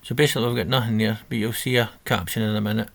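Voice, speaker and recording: A man's voice: lowish voice, fairly even intonation, very fast, creaky, slight background noise. A man talking through a coding exercise on a screen recording, reading out steps and correcting himself as he goes. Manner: thinking aloud, self-correcting, reading instructions. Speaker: coding tutor. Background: keyboard typing.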